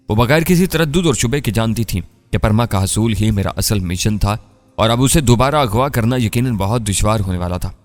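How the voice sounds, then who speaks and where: A man reading a novel aloud as narrator, in a steady, measured storytelling manner. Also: fairly low pitch, long reverb tail. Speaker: audiobook narrator.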